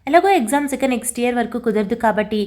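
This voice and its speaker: A woman's voice: fairly high pitch, racing, a little mellow, lightly acted. A woman voicing a playful, coy young woman in a storybook reading. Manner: coy, teasing.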